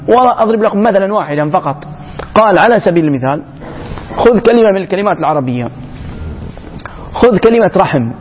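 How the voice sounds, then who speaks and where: A man giving an emphatic public lecture to young people, often pausing and restarting mid-phrase. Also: sits high, husky. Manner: emphatic, halting, with frequent restarts. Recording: echoey hall, dull lo-fi sound.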